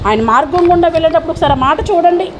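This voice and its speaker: A woman's voice: very high-pitched, quick pace, noisy background. A woman pastor preaching a fervent sermon and firing questions at the congregation. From India.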